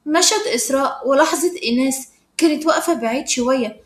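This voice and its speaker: Brisk high-voiced Egyptian woman storyteller. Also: echoey room. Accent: Egyptian Arabic. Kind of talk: storybook narration.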